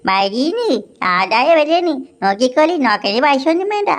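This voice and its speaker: A woman's voice: high voice, big pitch swings, moderate pace. A woman voicing a grumbling, comic uncle. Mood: scolding. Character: grumbling uncle Gopa, a man.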